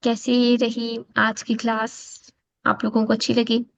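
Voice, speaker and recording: A woman teaching an online class, saying each word slowly and patiently. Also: fairly high pitch, completely flat delivery, gravelly. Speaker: Italian teacher. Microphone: video call. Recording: dull lo-fi video call audio.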